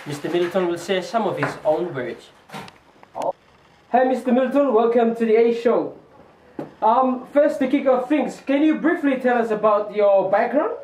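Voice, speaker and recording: A teenage boy with a New Zealand accent hosts an amateur school show in stiff, formal interviewer phrases. His voice sits notably high. He sounds set back from the mic in an echoey room. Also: expressive, moderate pace, darkish tone, recorded from a distance, a little hiss or hum. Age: teens. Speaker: student host of a school boarding-house show.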